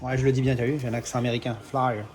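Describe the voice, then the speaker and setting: A man's voice: medium pitch, level tone, rapid-fire, warm tone, faint music behind. A man talks through an unboxing in a loose, chatty way. He hesitates often, restarts his sentences and swears casually as he goes. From Marseille, France. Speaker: collector doing unboxings.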